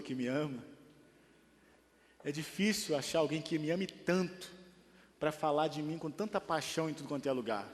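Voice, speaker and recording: A man with a Brazilian Portuguese accent preaching a sermon as pastor, building to emphatic, animated delivery. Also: a little high, big-room sound. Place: church hall.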